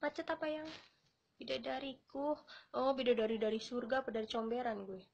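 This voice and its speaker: A woman's voice: on the high side, steady tone, fairly quick, gravelly, a little mellow, dull audio. A woman chatting on a live stream from her phone, brash, crude and rambling in slangy talk. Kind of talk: casual live-stream chat.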